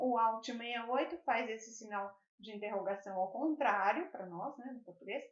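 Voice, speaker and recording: A woman who is a native Spanish speaker, teaching an online lesson in a patient, explanatory way and often checking in with her students. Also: a little high. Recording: echoey room, slightly dull sound.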